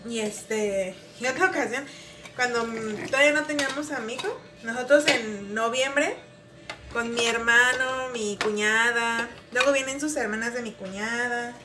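A woman's voice: on the high side, normal speed, far from the mic, background noise. A woman and mother, chatting to her viewers in a casual, rambling way, with many fillers, while washing dishes at home. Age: adult, mother of a grown son. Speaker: vlogger. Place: home kitchen. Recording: roomy, off-mic, with dish clatter. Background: dishes, pots and pans clattering.

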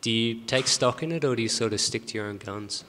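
A man's voice: mid-range voice, fairly quick, fairly bright tone, a little hiss or hum. A man in a theater audience politely asking a question, a little hesitant. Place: large theater. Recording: long theater reverb.

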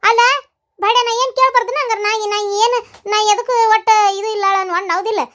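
Woman voicing a shrill grumbling old village woman. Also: brisk, pushed and bright. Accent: North Karnataka Kannada. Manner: scolding, complaining.

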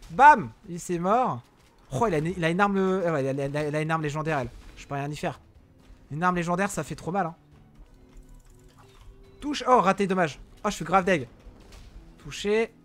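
A young man giving excitable live commentary on a mobile game, talking to his viewers and yelling at opponents. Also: fairly high pitch, normal speed, pauses often, soft background music. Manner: excitable, shouts during fights, talks to viewers and enemies. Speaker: gaming YouTuber.

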